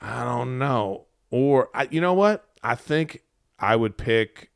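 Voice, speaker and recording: A man's voice: medium pitch, expressive, slow, vocal fry, clean tone, no echo. Casual male podcast co-host, dry close sound.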